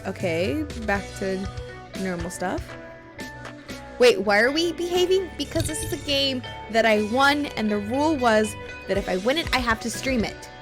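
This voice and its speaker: A woman's voice: fairly high pitch, expressive, normal speed, over music. A woman from Texas streaming a game on a headset mic, chatting and laughing often as she reads along. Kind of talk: live game stream commentary and reading.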